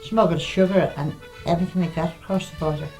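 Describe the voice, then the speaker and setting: Low, mellow older Northern Irish woman. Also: steady tone, quick pace, soft background music, poor audio. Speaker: local resident sharing memories. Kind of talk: reminiscing, casual storytelling.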